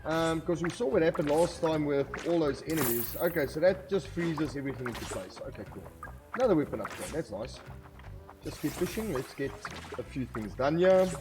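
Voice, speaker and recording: A man's voice: fairly high pitch, lively intonation, brisk. A man giving casual let's-play commentary, thinking aloud and saying 'okay' a lot. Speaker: gaming video creator. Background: faint game music.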